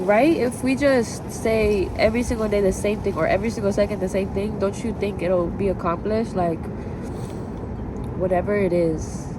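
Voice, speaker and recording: A woman's voice: mid-range voice, background noise. A woman vlogger chatting casually and confessionally, rambling and introspective, repeating herself and often saying "like". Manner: rambling, introspective, frequent "like" and repetition. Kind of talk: casual confessional chat to camera.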